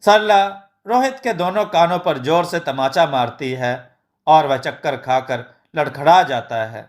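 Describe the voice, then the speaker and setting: Guy telling a moral story, slow and even, kinda high voice. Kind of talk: scripted story narration.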